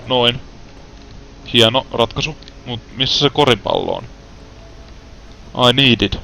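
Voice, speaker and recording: A man's voice: medium pitch, pushed and bright, slight background noise. A young Finnish man giving casual gameplay commentary, with frustrated outbursts and English words mixed in. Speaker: gaming let's player.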